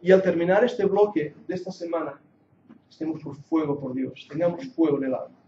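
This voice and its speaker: A Catalan man in his forties, with an accent blending Catalan Spanish and English, leads an earnest, joking Bible class that builds into emphatic preaching. His voice sits on the high side, fairly quick and warm, picked up by a handheld or lapel mic in a muffled, echoey hall with slight background noise. He is a Bible teacher giving a sermon-like classroom lecture.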